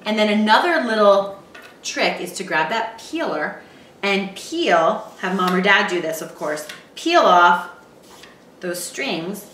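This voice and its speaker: A woman in her thirties with a bright, forward voice, cheerfully walking through a snack in her home kitchen. She chats in an upbeat, encouraging way. The sound is roomy and picked up from a distance. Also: mid-range voice, lively intonation, slow pace, slight background noise. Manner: upbeat, chatty, encouraging tips. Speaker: cooking show host, mother. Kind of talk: casual cooking demonstration with her daughter. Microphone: far camera mic.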